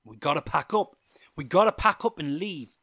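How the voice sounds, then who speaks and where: A man voicing a stern, hot-tempered gang leader who shouts. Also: fairly high pitch, animated, moderate pace, voice pushed up, exaggerated voice. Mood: grim. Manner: shouting, angry outbursts.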